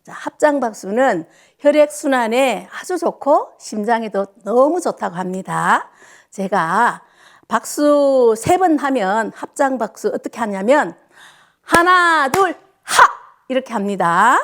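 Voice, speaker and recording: A woman instructor leading older students through a clapping exercise class, cheerful and counting out loud with sharp shouts. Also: on the high side, lively intonation, measured pace.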